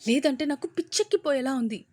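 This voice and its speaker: Woman voicing a bratty young woman yelling at her dad, high and shrill, storybook. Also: normal speed, no echo, studio quality, natural voice. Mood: angry ranting. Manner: loud, angry ranting.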